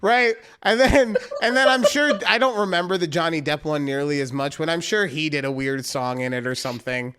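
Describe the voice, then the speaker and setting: A man in his thirties co-hosting a podcast, chatting casually and joking with loud bursts. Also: on the high side, a little fast, hardly any pauses, clear, resonant tone. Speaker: podcast co-host. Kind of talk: casual chat.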